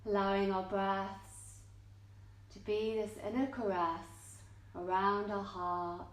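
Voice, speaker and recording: Here a woman teaching yoga nidra speaks at a medium pitch with a level tone, offering slow, calming meditation guidance. Her delivery is gentle and measured, built from short phrases and long silences, recorded live in an echoing indoor studio.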